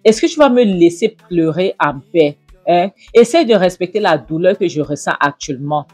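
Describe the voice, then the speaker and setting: A woman's voice: lowish voice, animated, normal speed, a little mellow, breathy edge, no room sound, soft background music. A woman voicing a grieving young mother pleading. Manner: pleading, weary.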